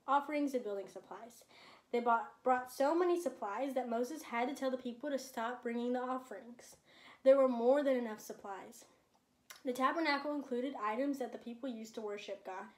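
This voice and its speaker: A woman's voice: fairly high pitch, a little mellow. Young woman teaching kids a Bible lesson. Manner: friendly, explains simply to kids. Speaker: children's church teacher.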